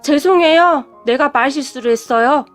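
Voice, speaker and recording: A woman voicing a spiteful, quick-tempered middle-aged woman who snaps and talks down to others. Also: high-pitched, soft background music, lightly acted. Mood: grudging. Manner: snapping, rude, talks down.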